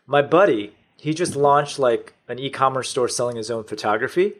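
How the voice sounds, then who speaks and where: A man's voice: mid-range voice, animated, moderate pace. A middle-aged man from the United States, a podcast guest telling his business story in a matter-of-fact way. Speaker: podcast guest, online store owner. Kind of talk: conversational interview.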